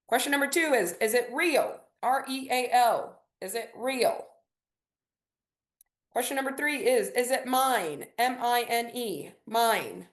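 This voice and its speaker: A woman in her forties whose native language is Spanish hosts a business coaching workshop energetically, spelling out key words. Her voice is a little high.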